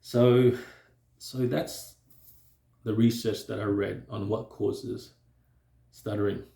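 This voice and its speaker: Speaking to camera in an echoey room, a man who stutters shares personal reflections as a vlogger. His low, mellow, gravelly voice barely shifts in pitch, and his slow, hesitant delivery is full of fillers, pauses, and fresh starts.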